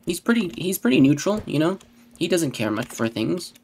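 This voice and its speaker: A man giving casual gameplay commentary in a deadpan tone that can sound sarcastic, with keyboard clicks behind him. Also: fairly high pitch, moderate pace, a little hiss or hum. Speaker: gaming channel host.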